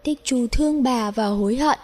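A woman narrating a children's story in a slow, clear storytelling manner. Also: fairly high pitch, a little mellow.

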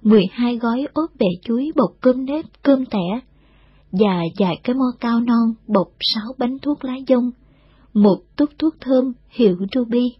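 Brief: woman storyteller, very breathy, dry lo-fi recording. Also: a little high, no room sound. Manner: steady, unhurried storytelling, voices every character. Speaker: narrator. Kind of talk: scripted story narration.

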